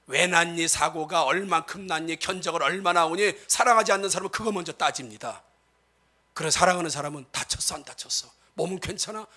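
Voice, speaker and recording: A male pastor delivers a lively sermon, turning to the congregation again and again and acting out everyday scenes. His voice sits high and swings widely in pitch, with a husky edge. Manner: animated, acts out quoted speech; addresses the congregation often.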